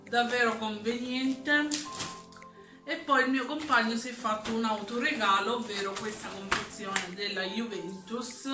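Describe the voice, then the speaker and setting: Woman, post-flu voice, casual shopping narration, unhurried pace, distant mic with music. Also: mid-range voice. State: getting over the flu. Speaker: vlogger presenting a grocery haul. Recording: roomy echo, distant mic, music behind.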